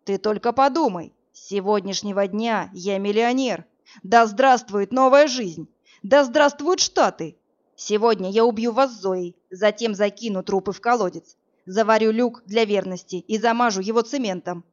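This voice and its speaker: A woman's voice: mid-range voice, moderate pace, dull audio, lightly acted. A woman voicing a gloating sadistic young killer. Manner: gloating, sneering. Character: cruel greedy young man, sadistic killer.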